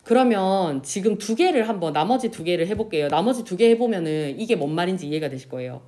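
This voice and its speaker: A woman teacher giving a classroom lesson, asking questions and answering them herself, and drawing out example words slowly. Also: on the low side. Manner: lively, pronounces example words slowly and drawn out. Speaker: Korean language teacher. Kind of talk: classroom lecture.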